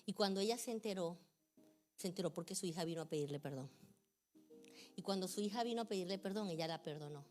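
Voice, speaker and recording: A middle-aged woman pastor preaching a sermon with passion, moving from hushed phrases up to near shouting. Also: on the low side, fast talker, long pauses, faint music behind.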